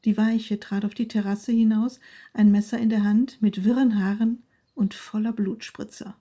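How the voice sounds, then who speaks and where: Warm-voiced woman reading a story. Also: mid-range voice, steady tone, normal speed. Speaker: narrator. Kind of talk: read-aloud story.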